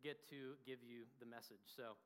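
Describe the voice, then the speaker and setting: Bright-voiced young preacher in a hall. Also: male voice, mid-range voice, moderate pace. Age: 20s. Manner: animated and talkative, full of fillers. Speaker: pastor and church founder. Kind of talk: sermon with storytelling.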